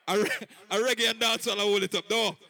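A man DJ giving loose, laughing party shout-outs over a dancehall set. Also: sits high, creaky. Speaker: DJ hyping the crowd.

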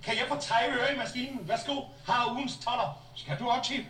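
An actor playing a quick-witted, chatty man in an old 1960s film clip. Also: extremely high pitch, steady tone, pushed and bright, distant mic, a little hiss or hum. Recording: echoey film soundtrack with music.

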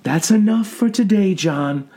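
Man playing a calm female psychiatrist, flat and clinical, lifted high, read slowly. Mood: hushed. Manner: flat, measured, soothing. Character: composed female asylum doctor, clinical.

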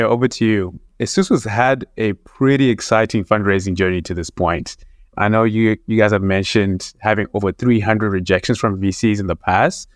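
Male interview host, polite and appreciative, slightly low pitch, dry sound. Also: no echo. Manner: courteous, appreciative.

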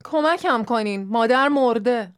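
A frantic young daughter cries out for help in a high, strained voice, as a woman plays her. The pleading is raw and breathless. It is a character voice in a read-aloud story. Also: animated, clear, resonant tone, lightly acted. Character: young woman, panicked daughter who just found her mother dead. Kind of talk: audiobook character voice.

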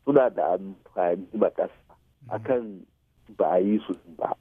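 A man's voice: low voice, normal speed, breathy edge, no echo. A man with a Nigerian Hausa accent explaining things as an expert radio guest, mixing in English technical terms and checking that the listener follows. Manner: checks listener follows with short tag questions. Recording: muffled phone-like radio sound.

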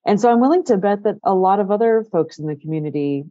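A woman's voice: mid-range voice, animated, fast talker, warm tone, no room sound, lo-fi sound. A woman hosting a podcast interview, introducing her guest in a friendly, upbeat way. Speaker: podcast host.

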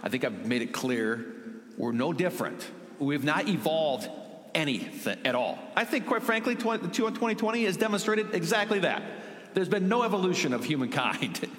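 A man's voice: fairly high pitch, sing-song, normal speed, a bit bright. A man preaching a sermon as a pastor, talking conversationally with joking asides to the congregation and growing emphatic on key points. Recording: echoey hall with long reverb.

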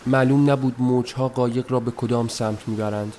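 A man reading a story aloud in a soft, measured, somber voice, as scripted narration. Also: medium pitch, steady tone. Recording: noisy recording.

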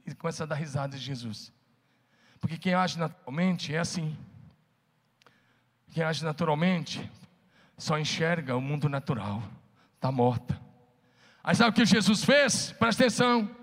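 A man's voice: fairly high pitch, vocal fry, in a large hall. A man preaching a sermon, calling on the congregation to answer back. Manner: preaching with call-and-response to the congregation. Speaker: pastor.

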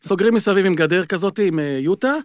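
A man with a high, light voice tells stories with a lively, animated delivery. He is chatting casually on a sports podcast. His voice sounds dry and close to the mic. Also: dry recording. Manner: animated storyteller. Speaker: podcast panelist.

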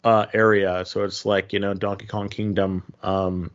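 A man co-hosting a podcast, chatting casually and haltingly, often repeating his phrases. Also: fairly low pitch, little pitch movement, lo-fi sound. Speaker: podcast co-host. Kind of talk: casual chat about games and trips.

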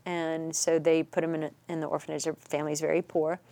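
Middle-aged woman, lowish voice, talks earnest and halting, goes almost whispery, dry no-room sound. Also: little pitch movement, no room sound. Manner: earnest, halting, drops soft near a whisper. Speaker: guest. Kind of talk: personal storytelling in a podcast interview.

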